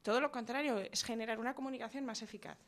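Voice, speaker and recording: Woman, slightly high voice, expert guest, explanatory, acts out examples. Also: steady tone, fast talker. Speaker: guest expert on family communication. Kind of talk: conversational radio interview.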